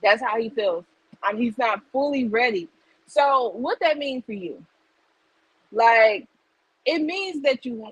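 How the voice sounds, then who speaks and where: A woman's voice: a little high, no echo, dull audio. Chatty woman giving a live tarot reading. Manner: rambling and conversational, heavy on "like" and "you get what I'm saying". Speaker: psychic tarot reader. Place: home livestream setup.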